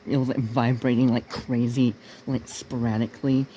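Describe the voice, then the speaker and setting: A young man telling a personal story in a casual, unscripted way, halting and rambling as he searches for words. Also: medium pitch, level tone, mellow, a little hiss or hum, poor audio. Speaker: video creator narrating a personal story.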